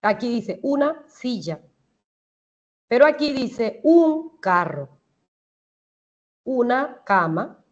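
A woman's voice: on the high side, muffled recording. A woman with a Colombian Spanish accent teaching English grammar in an online class, explaining step by step and checking that the students understand.

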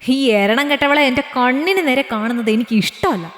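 A woman's voice: a little high, very animated, moderate pace, reverberant, in a large hall. A woman voicing a cruel, scornful older mother-in-law who talks in a sneering, spiteful way.

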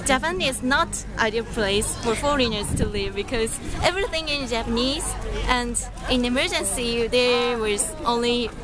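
A woman's voice: fairly high pitch, moderate pace, over music. A young woman student talking outdoors by a foot bath, hesitant with many fillers. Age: young adult. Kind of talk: casual vlog talk.

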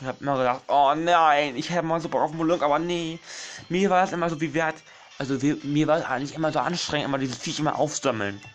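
A young man commentating his gameplay casually, excitable, swearing and pleading with the game while addressing his viewers as friends. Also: mid-range voice. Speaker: gaming channel host.

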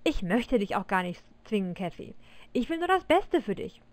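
Stern dad in a storybook reading, calm but won't budge, woman doing him. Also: mid-range voice, moderate pace, natural voice. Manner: firm, final, calmly authoritative. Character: stern strict middle-aged father.

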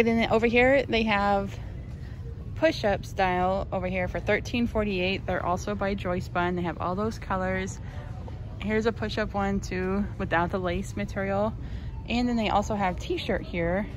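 A woman's voice: mid-range voice, a little slow, background noise. Chatty woman filming in a store. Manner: chatty, lists prices, excited "oh" at new finds. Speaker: shopping vlogger. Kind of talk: casual shop-with-me narration. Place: large retail store, indoors.

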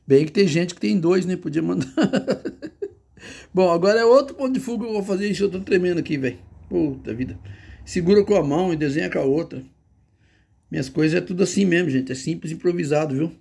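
Gravelly-voiced Brazilian man teaching drawing. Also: fairly high pitch, a little mellow. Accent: Brazilian Portuguese. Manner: chatty, talks to himself while drawing. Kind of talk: casual drawing lesson. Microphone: handheld phone.

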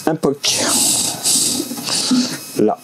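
A man in his forties casually unboxing and showing a tool in a small indoor workshop office, relaxed and halting with many fillers. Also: heavy background noise. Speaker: vlogger.

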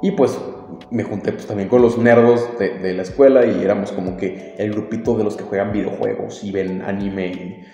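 A laid-back Mexican man spins a casual podcast story, full of slang and swearing. His voice is mellow and warm. It bounces around a very echoey room with a long reverb tail and faint music underneath. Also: on the low side, fairly even intonation, normal speed, lo-fi sound. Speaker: podcast host.

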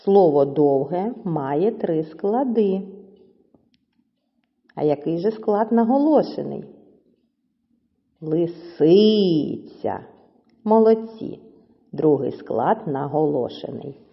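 Slow, low-voiced woman teaching children. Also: expressive, creaky. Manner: stretches words out syllable by syllable. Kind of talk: children's lesson, slow and clear. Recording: dull audio with long reverb.

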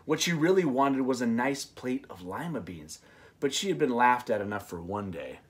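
A man in his thirties co-hosting a children's read-aloud, mixing expressive narration with casual banter. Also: medium pitch, normal speed. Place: small indoor room, on a couch.

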